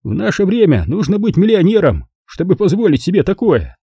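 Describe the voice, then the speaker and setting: A man's voice: high-pitched, sing-song, fairly quick, mellow, breathy edge, dry recording, highs cut off, pitched above the performer's own voice, full character voice. Man doing a weary clipped English aristocrat. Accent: clipped upper-class London. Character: aging aristocratic English racing driver, weary.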